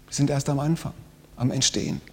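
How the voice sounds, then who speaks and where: A man preaching a sermon, swinging from loud emphatic lines down to hushed whispers. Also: medium pitch, steady tone, brisk. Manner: dynamic, drops to whispers for emphasis. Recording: long hall reverb.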